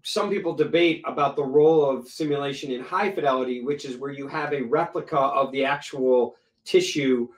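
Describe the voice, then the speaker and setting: A man's voice: medium pitch, fairly quick, hardly any pauses, roomy sound, distant mic, rough recording. A man moderating a medical panel discussion, explaining terms plainly and making joking asides.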